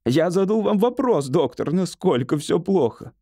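A man voicing a petulant, melodramatic middle-aged hypochondriac in an audiobook, complaining loudly and indignantly. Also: sits high, expressive, normal speed, no echo, clean studio sound, pitched above the performer's own voice. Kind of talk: audiobook character voice.

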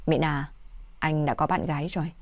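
A woman voicing a serious young male manager who answers in a steady, firm way. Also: sits low, normal speed, dry recording, lo-fi sound.

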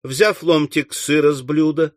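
A male audiobook narrator telling a classic comic novel in measured, even storytelling. His voice sits a bit higher than most men's. The recording is dry and close, with no room sound. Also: dry recording. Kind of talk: scripted literary narration.

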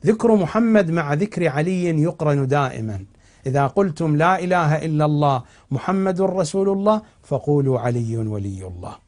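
A man speaking as a cleric in a TV religious lecture, reciting old narrations and then explaining them slowly and with emphasis. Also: a little high, a little mellow. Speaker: cleric teaching on TV. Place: television studio.

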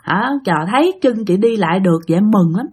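A woman's voice: mid-range voice, lively intonation, quick pace, darkish tone, breathy edge. A woman putting on a frail elderly grandmother. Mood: tender. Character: frail elderly grandmother, lucid, talking gently.

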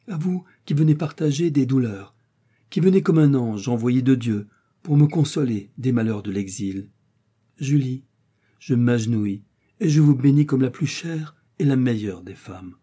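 Brief: man doing an impassioned young exile from a storybook, raised pitch, dark husky voice. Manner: impassioned, pleading declamation. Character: young exiled nobleman, passionate lover.

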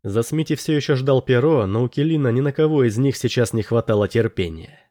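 A man narrating an audiobook in an even, measured way. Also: medium pitch, no room sound, clean studio sound.

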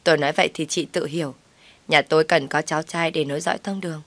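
A woman voicing a haughty, sharp-tongued young sister-in-law who sneers at her brother's wife. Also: deep voice, fairly even intonation, fast talker, no room sound. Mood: spiteful.

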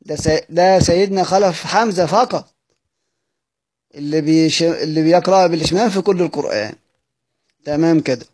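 A man's voice: fairly high pitch, fairly quick, pauses often, darkish tone. A man with an Egyptian accent teaching a recorded lesson, explaining step by step and putting questions to his students before he answers them. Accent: Egyptian Arabic. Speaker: Quran recitation teacher. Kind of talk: recorded study-circle lesson.

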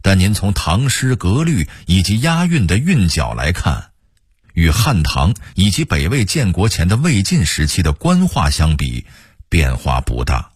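A man's voice: sits low, sing-song, unhurried, slightly rough, no room sound, studio quality. A middle-aged man with a Beijing accent narrating local history on radio in a leisurely, chatty way. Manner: leisurely, chatty, addresses listeners as 您. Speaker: radio storyteller.

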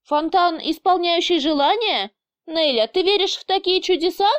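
A woman's voice: high-pitched, moderate pace, no room sound, pitched above the performer's own voice, close to an everyday voice. A woman reading an audiobook voices an irritable male boss who huffs, grumbles and bursts into indignant swearing. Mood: skeptical. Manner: indignant, huffing, swearing outbursts. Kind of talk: audiobook character voice.

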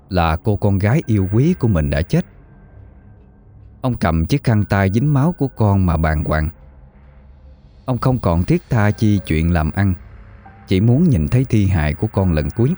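A man reads out a ghost story in a steady, solemn manner. His voice sits very low and sounds dark and mellow. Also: unhurried, pauses often, soft background music. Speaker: narrator. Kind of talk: scripted story narration.

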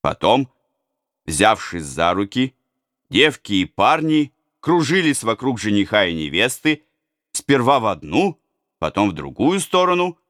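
Male narrator, slow and highly expressive, dry booth sound. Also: dry recording. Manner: measured, expressive reading. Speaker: audiobook narrator. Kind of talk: scripted narration.

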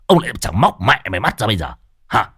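A man voicing a rough, thieving young village man in a spoken ghost story, gruff and coarse in speech. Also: low voice, very animated, normal speed, a little mellow, no room sound, studio quality, voice pushed down, full character voice. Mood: aggressive.

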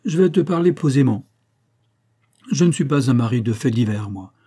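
Calm stubborn husband, read by a man, deliberate, dark husky voice. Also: medium pitch. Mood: placid. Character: placid middle-aged husband, calm and stubborn.

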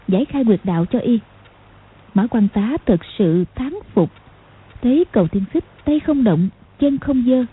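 A woman narrating an audiobook in a steady storytelling manner. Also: fairly high pitch, husky, narrow, tinny audio. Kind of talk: scripted narration.

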